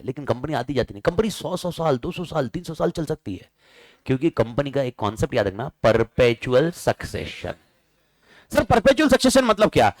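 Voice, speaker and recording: A male teacher giving a lively classroom lecture, bantering and firing questions at his students. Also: a little high, no room sound, rough recording.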